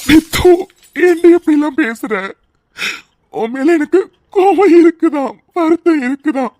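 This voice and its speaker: A woman's voice: sits high, lively intonation, measured pace, mellow, no echo. A woman voicing a loving, protective young husband in a cartoon drama, pleading and emotional. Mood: tearful tender. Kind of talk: tearful cartoon drama voice acting.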